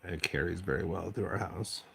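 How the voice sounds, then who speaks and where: A man with a very low, deep bass voice and a gravelly rasp chats through a late-night hobby stream from home. He rambles, doubles back on his words and keeps it loose and friendly while he paints. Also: normal speed, fairly bright tone. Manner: rambling, self-interrupting, chatty. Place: at home at night, family asleep.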